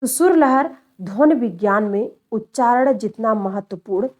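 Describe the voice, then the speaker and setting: Woman teaching with a dark, mellow tone. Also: a little high, expressive, moderate pace. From India. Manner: explains step by step and repeats key terms, addressing students as children. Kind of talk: classroom lecture.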